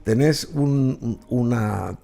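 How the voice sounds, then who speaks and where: A man's voice: mid-range voice, drawn-out words, gravelly, warm tone. A man hosting an interview, asking long, hesitant, rambling questions. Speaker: interviewer host.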